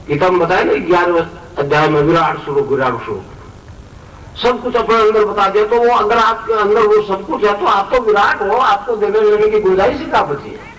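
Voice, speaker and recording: High-voiced guru preaching in an echoey hall. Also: male voice, a bit bright, recorded from a distance, slight background noise. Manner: emphatic, repeats key phrases. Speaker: spiritual guru. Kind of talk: sermon to a gathering.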